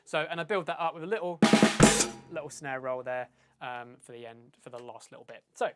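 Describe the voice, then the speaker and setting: A man's voice: mid-range voice, steady tone, a little fast, over loud music. Man scatting drum patterns while teaching. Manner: casual, vocalizes drum patterns with syllables; hesitant, many fillers and self-corrections. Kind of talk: live-streamed drum lesson.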